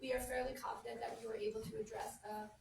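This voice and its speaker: A young woman from Connecticut, a college student, explaining survey methods in a measured presentation. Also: fairly high pitch, flat delivery, gravelly. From Connecticut, USA. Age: young adult. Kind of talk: prepared presentation. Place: community center meeting room. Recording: distant, echoey, noisy hall mic.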